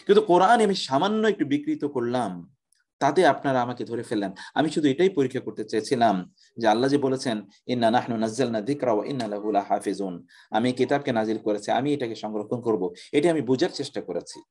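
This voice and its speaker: Pleading male book seller from an old story, voiced by a lecturer, everyday voice, mid pitch. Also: fast talker, a little mellow, lightly acted. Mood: explaining. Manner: pleading then explaining. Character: clever old-time scribe and book seller, a man. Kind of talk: quoted story within a lecture.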